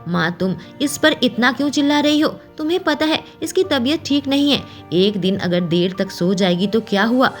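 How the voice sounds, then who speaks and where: A woman's voice: fairly high pitch, lively intonation, moderate pace, few pauses, faint music behind, natural voice. A woman voicing a protective, devoted young husband in a storybook reading, earnest and pleading.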